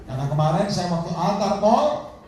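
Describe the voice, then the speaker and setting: A man preaching an animated sermon, often calling for an amen and acting out people in his stories. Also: on the high side. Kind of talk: lively sermon. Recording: distant, very echoey hall with faint noise.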